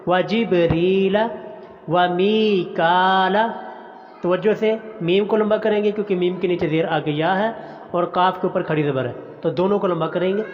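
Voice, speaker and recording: A man teaching a Quran recitation lesson, chanting words slowly and drawn out, then explaining pronunciation in quick plain talk. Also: sits high. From Pakistan. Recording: dull audio with long reverb.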